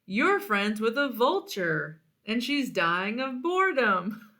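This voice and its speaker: A woman's voice: a little high, sing-song, slow pace, pushed and bright, full character voice. A woman voicing a blunt, easily bored and indignant female vulture in a storybook.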